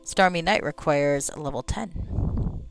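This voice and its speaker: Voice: medium pitch, measured pace, soft background music, low-quality recording. A game streamer giving casual, rambling commentary, talking to themself and swearing freely. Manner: sweary, rambling, talks to self. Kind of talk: casual gameplay commentary with some read-aloud game text.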